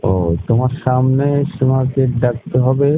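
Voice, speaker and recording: Evasive boyfriend played by a man, defensive, pleading, mid-pitched, phone-line drama with faint hiss. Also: level tone, a little slow, close to an everyday voice. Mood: placating. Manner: defensive, pleading, repeats questions back. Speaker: boyfriend in staged phone call. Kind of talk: staged phone-call drama.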